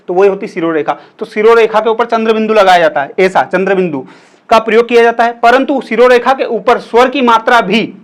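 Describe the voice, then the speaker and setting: A young man with a high voice gives a relaxed classroom-style lesson on grammar. He talks chattily and keeps asking his students questions as he explains. Now and then he draws out a vowel to show how it sounds. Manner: stretches vowels to demonstrate sounds. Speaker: Hindi grammar teacher. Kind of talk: casual classroom lecture.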